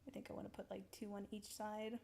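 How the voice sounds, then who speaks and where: A young woman casually talking through her building in a video game, rambling slowly with lots of ums and little laughs. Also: medium pitch, level tone, vocal fry, darkish tone, a little hiss or hum. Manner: slow, rambling, giggly, full of ums. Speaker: streamer building in a survival game. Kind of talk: casual gameplay commentary.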